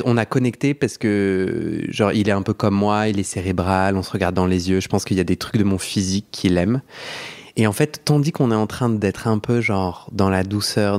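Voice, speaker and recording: The speaker is a young man hosting a podcast, chatting through a story with plenty of laughs and sentence restarts. He has a fairly low pitch and a darkish tone.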